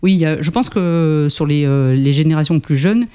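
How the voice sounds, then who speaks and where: Interviewed as a guest about climate work, a French speaker in his fifties from a climate association keeps hesitating, filling pauses and restarting. He talks at normal speed in a smooth, dark-toned voice that sits on the high side.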